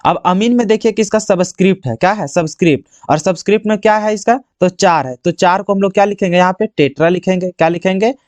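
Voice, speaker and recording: A man's voice: high voice, fast, few pauses, darkish tone, dry recording. A man teaching a chemistry lesson for board exam prep, constantly asking the class questions and answering them himself. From Jharkhand, India.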